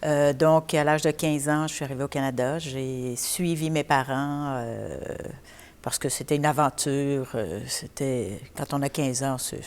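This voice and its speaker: A woman in her fifties from Belgium, a guest in a theatre lobby interview, talking haltingly with many fillers and restarts. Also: very deep voice, darkish tone. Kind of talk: casual interview.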